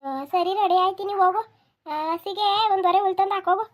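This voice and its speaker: A woman voicing a busy, sharp-tongued village housewife in a comedy cartoon, speaking in a scolding, sing-song way. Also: very high voice, flat delivery, brisk, dull audio. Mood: bossy.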